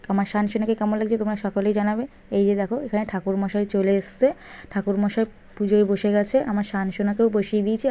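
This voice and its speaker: A young woman chats casually to her viewers in a relaxed, mellow voice. She keeps talking straight to them as she walks them through her day. The sound is dull and lo-fi. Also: mid-range voice. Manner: chatty, repeatedly addressing viewers directly. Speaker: vlogger. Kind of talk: casual vlog narration.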